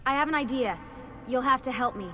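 A teasing young game heroine. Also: female voice, high voice, brisk, bright, forceful tone, in a large hall, slight background noise. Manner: teasing, dry. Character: young woman game ally, dry and teasing.

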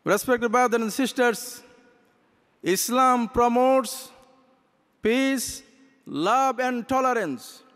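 A man's voice: extremely high pitch, slow, pauses often, a bit bright, clear, resonant tone. A man, giving an impassioned convention speech from a podium, mixing Arabic recitation into his English. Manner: impassioned, gesturing with both hands. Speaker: imam. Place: large convention hall stage. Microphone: podium microphones. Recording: long reverb of a big hall.

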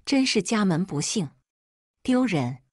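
A woman's voice: sing-song, unhurried, slightly rough, no echo, studio quality. A woman voicing a scheming, insulting middle-aged sister-in-law in a storybook reading. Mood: scolding. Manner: scolding, shrill and insulting.

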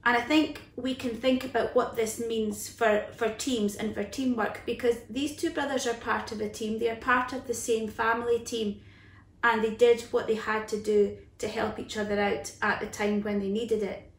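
Woman in her thirties, school assembly talk, earnest and deliberate, roomy echo, mic at a distance. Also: a little high, fairly even intonation. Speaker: school staff member giving assembly talk. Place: small living room, indoors on a sofa. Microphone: camera a few feet away. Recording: roomy, echoey, distant microphone.

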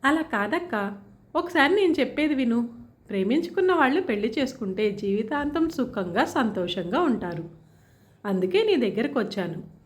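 Mild, earnest village father, pleading, read by a woman narrator with a high voice. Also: very animated, moderate pace. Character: gentle, pleading middle-aged village father.

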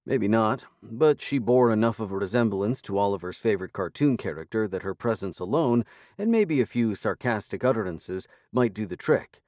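A man's voice: lowish voice, animated, moderate pace, darkish tone, no echo. A man narrating a fantasy audiobook in the first person, in a dry, wry storytelling manner.

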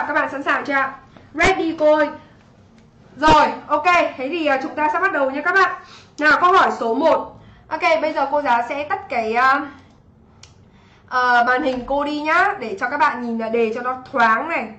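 A woman's voice: sits high, sharp tone, echoey room. A young Vietnamese woman, an English teacher, energetically reviews an exam on a livestream and keeps asking her students if they follow.

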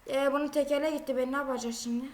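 High-voiced chatty woman playing a game. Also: fairly even intonation, rapid-fire. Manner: chatty, exclaiming at the game, scolding other drivers. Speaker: gaming video creator. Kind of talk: casual gameplay commentary.

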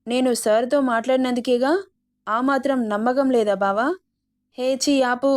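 A woman's voice: fairly high pitch, steady tone, moderate pace, clear, resonant tone, dry recording, studio quality, lightly acted. A woman voicing a cheerful young wife in a read-aloud romance story, coaxing and pleading by turns. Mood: defensive. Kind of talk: storybook dialogue reading.

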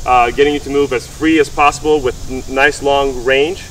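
A man's voice: mid-range voice, fairly even intonation, normal speed. A man in his thirties, a physical therapist, explaining and asking questions in an instructional way. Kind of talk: explanatory instructional talk and interviewing. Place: mostly outdoors on a golf course. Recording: distant mic with faint background noise.

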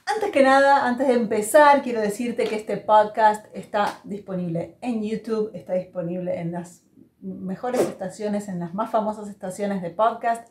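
A woman's voice: mid-range voice, a little mellow. A woman hosting a podcast, chatting earnestly and telling a story from her home. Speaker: podcast host. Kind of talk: casual podcast chat. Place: room at home. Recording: echoey room at home.

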